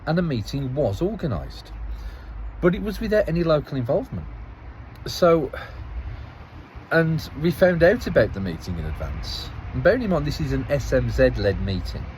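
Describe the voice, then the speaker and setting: A man's voice: mid-range voice, a little mellow, a little hiss or hum, poor audio. A man giving a casual spoken account as a local parish councillor, rambling and restarting phrases as he tells the story with some exasperation.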